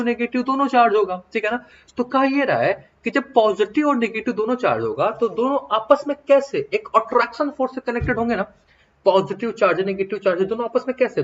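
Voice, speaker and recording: Male teacher, high voice, repetitive explaining style, muffled lo-fi recording. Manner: repetitive question-and-answer explaining; reads English definitions slowly. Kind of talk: classroom science lesson. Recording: dull lo-fi recording.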